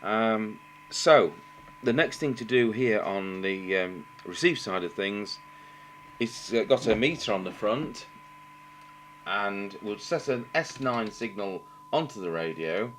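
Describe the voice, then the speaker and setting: A middle-aged English radio engineer, off camera at an indoor workbench, talks through a repair in a fairly low, expressive, slightly bright voice. He's halting and unscripted, thinking aloud, and the poor audio carries noticeable background noise and hum.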